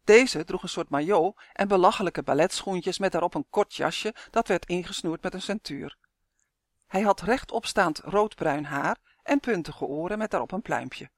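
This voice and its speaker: A woman narrating a children's fantasy story in a measured, expressive way. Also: fairly low pitch, no room sound, studio quality.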